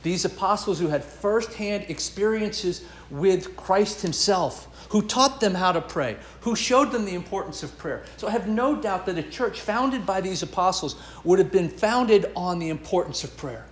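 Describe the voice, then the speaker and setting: A man's voice: high voice, expressive, normal speed, hardly any pauses, echoey room, slight background noise. A man preaching a sermon as pastor, earnest and emphatic, building and dropping his intensity.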